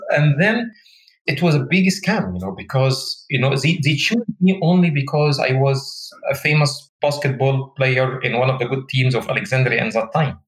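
Medium in pitch and moderate in pace, this Egyptian man in his forties speaks with an Egyptian Arabic accent, sharing his life story earnestly in an interview. He gropes for words in his second language; the rough recording has a roomy sound.

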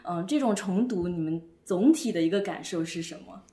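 A woman's voice: fairly low pitch, moderate pace, dark tone. A woman hosting a podcast, leading a casual book chat and encouraging her guests. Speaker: podcast host. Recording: roomy echo.

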